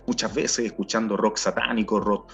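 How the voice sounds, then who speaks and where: A middle-aged Chilean man telling his personal testimony in an earnest, halting way, often repeating words as he searches for them. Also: lowish voice, steady tone, creaky, a bit bright. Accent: Chilean Spanish. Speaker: testimony speaker. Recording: dull sound with faint music behind.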